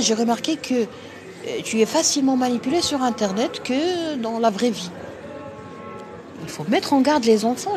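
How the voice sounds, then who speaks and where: A woman from Morocco with a Moroccan accent, talking straight to her live-stream viewers. She is insistent and blunt, hammering her points home with short, repeated phrases, and her voice sounds a little tired. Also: medium pitch. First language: Arabic. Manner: emphatic, forceful, repetitive. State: a bit tired. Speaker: doctor hosting a live stream.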